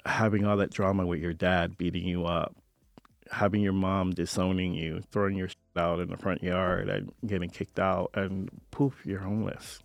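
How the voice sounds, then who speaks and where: A man's voice: low voice, moderate pace, creaky, no echo. A middle-aged man from Hawaii, interviewed for a radio feature, telling family stories and acting out the voices of relatives. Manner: animated anecdote teller, acting out family voices.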